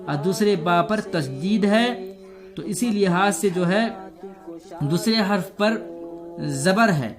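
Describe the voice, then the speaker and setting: A man teaching a tajweed lesson step by step, patiently repeating each point and spelling out letters. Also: high voice. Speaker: Quran recitation teacher.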